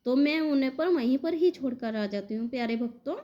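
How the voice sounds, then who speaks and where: A woman's voice: high-pitched, fairly quick, muffled recording. A woman telling devotees about a spiritual vision in a conversational, devotional way. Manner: warm devotional address, conversational retelling. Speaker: devotional storyteller.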